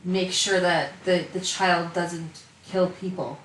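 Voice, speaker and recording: A woman guest on a podcast, chatting casually with teasing, deadpan jokes. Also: fairly low pitch, takes it slowly, roomy sound, far from the mic, slight background noise, poor audio. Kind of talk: casual chat.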